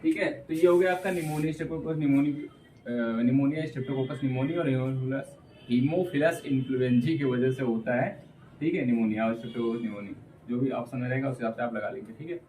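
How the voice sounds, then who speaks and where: A male biology teacher talks through exam material, drilling each term and checking in after nearly every sentence. He slows right down to read English textbook phrases word by word. His voice sits back from the mic in a roomy space with a faint hum of ambience. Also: medium pitch, dark tone, distant mic. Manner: repeats "theek hai" constantly, drills key terms. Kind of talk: exam-prep lecture.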